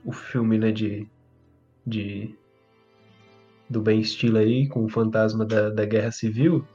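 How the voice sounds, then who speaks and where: A man's voice: fairly low pitch, level tone, slow pace, dark tone, faint music behind. A man in a casual online chat whose connection keeps breaking up. He hesitates, repeats words and trails off. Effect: choppy internet call audio, cutting out. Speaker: participant in a storytelling chat. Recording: dull lo-fi call audio.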